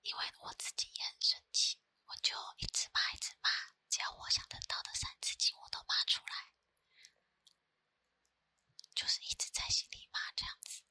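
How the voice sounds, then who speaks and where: A woman with a Taiwanese Mandarin accent tells personal stories in a soft, breathy ASMR whisper close to the microphone, unhurried and with pauses. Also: dry recording. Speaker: ASMR creator. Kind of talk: whispered ASMR storytelling, chatty.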